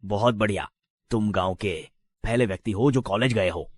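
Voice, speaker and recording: A man's voice: lowish voice, natural voice. A man voicing an authoritative visiting mayor. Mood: measured. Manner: measured, authoritative. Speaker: dubbing actor. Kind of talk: Hindi drama dub.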